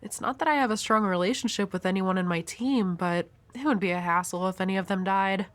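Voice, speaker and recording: A woman's voice: mid-range voice, brisk, natural voice. Himeno, a woman playing a flirty, world-weary devil hunter. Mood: wistful, resigned. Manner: teasing, coy, breathy at times. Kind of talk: intimate audio roleplay addressed to the listener.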